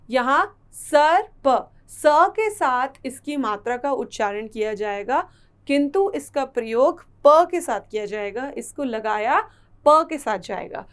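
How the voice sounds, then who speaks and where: A woman teacher with a high voice leads a lesson for children. She talks at an unhurried pace and repeats each word with care so young learners can follow. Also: clean tone. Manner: slow, careful explanation with repeated words.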